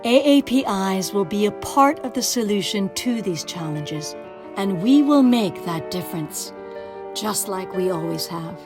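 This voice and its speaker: A woman delivers a scripted, rallying voice-over with firm emphasis and a mid-pitched voice. Soft music runs beneath her words. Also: animated, a little slow. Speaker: narrator of campaign video.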